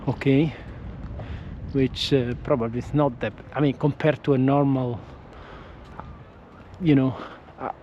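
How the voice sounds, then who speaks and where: Walking outside with a windscreened action camera, this non-native English speaker with an Italian accent vlogs in a relaxed way but keeps stopping to restart and fix his words. He has a mid-range voice and a steady tone, moving at a measured pace with long pauses. The lo-fi audio carries a little hiss or hum.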